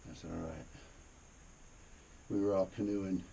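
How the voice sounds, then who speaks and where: A man's voice: deep voice, fairly even intonation, a little slow, vocal fry, dark tone. A man casually telling rambling, profane anecdotes in a laid-back way, recorded inside a cave. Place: inside a cave during a tour. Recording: noisy cave ambience. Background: cave ambience, noise.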